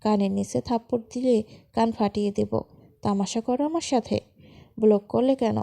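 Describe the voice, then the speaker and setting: Short-fuse bossy young guy from a romance story, gravelly mellow voice, woman reading him. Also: on the high side, steady tone, moderate pace. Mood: angry. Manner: scolding, threatening. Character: hot-tempered young man, bossy fiancé.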